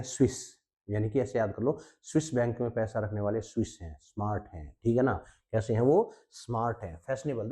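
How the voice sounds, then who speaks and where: Teaching vocabulary for exam prep, this man with an Indian English accent switches between Hindi and English and leans on mnemonic tricks. He often repeats "ठीक है ना" to check in with students again and again. His voice is lowish and dark.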